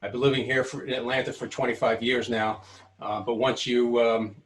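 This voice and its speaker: A Brooklyn man in his sixties with a New York accent gives an unscripted, casual tour of his basement-like home workshop, hesitant and wryly self-deprecating. His mid-range voice stays level at a moderate pace, recorded first by webcam and then on a handheld phone.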